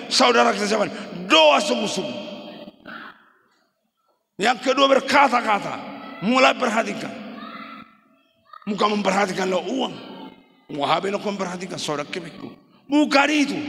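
A male pastor preaching a sermon in a church, speaking in short emphatic phrases that sometimes rise to a shout. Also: sits high, vocal fry. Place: church hall. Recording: reverberant church hall.

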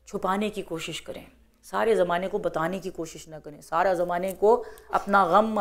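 A middle-aged woman giving an earnest religious talk to a women's gathering, exhorting and repeating phrases for emphasis. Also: medium pitch.

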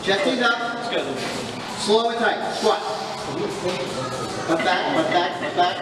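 A man coaching a lifter at the squat rack, calling out loud, urgent cues. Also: high-pitched, slow pace, far from the mic. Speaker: spotter and coach. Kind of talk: shouted lifting cues. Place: large busy gym, indoors. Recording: echoey gym with loud noise.

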